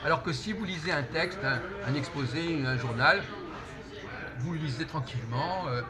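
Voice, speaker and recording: Man, lecturing café talker, higher voice, busy fast-food crowd behind. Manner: explaining, lecturing tone with many restarts. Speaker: host. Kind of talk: casual café conversation.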